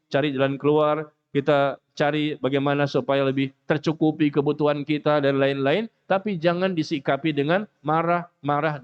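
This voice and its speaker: A man giving a mosque lecture, animated and joking, acting out the people he talks about. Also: on the high side, smooth, lo-fi sound. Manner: animated, jokes, acts out quoted speakers. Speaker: preacher.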